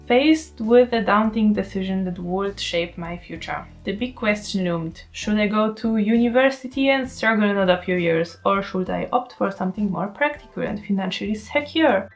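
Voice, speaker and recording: This artist vlogger, a woman in her twenties from Poland, narrates her own artistic journey with candor and self-deprecating humor in a scripted voice-over. Her mid-range voice carries a Polish accent and moves at a normal speed with hardly any pauses, over faint background music.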